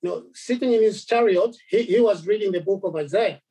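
A man from Zambia preaching a sermon, halting, with many repeated words and fillers. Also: high voice, dark tone, husky, rough recording.

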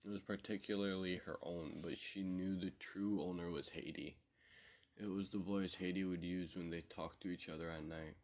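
A man narrating a spoken horror story in a measured way, often restarting words. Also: low voice, fairly even intonation, darkish tone.

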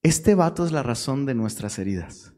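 A man with a Mexican accent preaching a casual, slangy Bible-study sermon, switching between quick asides and bursts of shouted emphasis. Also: medium pitch, lively intonation, big-room sound. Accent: Mexican Spanish.

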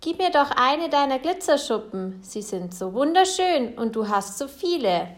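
A woman voicing a small, eager little blue fish who pleads in a high voice. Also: very animated, moderate pace. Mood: pleading.

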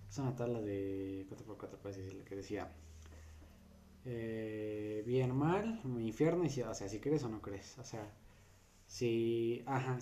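A man chats casually in a mellow, dark voice at a middle pitch. He talks loosely and hesitantly, and his sentences often trail off into a quiet mumble. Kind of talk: casual chat.

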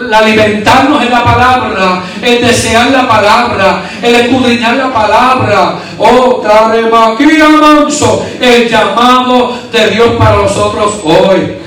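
A man's voice: high voice, a bit bright. A man preaching and praying with fervor, in short, repeated, exclamatory phrases. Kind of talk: sermon and prayer. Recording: echoey church from far off.

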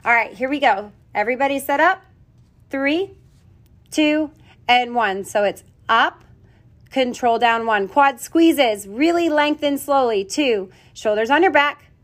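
Woman, high voice, aerobics instructor style, commanding and encouraging, clipped counts and cues. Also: lively intonation, a little slow. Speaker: group fitness class instructor.

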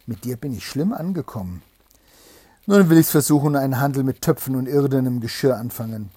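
A gruff, impatient fairy-tale husband, as a man reads him aloud, scolding his wife with raised voice. The tone stays mellow and slightly husky underneath. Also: mid-range voice, expressive, brisk, no echo, close to an everyday voice. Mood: stern scolding.

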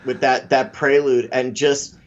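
A man telling racing stories with animated, laughing delivery in a casual podcast chat. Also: medium pitch, measured pace. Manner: animated anecdotes, laughing while telling them. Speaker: guest, Honda Challenge co-founder. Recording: dull lo-fi audio.

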